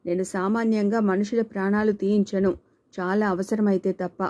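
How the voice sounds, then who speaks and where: A woman reading the lines of a cold, possessive middle-aged man who speaks calmly and threateningly in a storybook. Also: mid-range voice, normal speed, close to an everyday voice. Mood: coldly threatening.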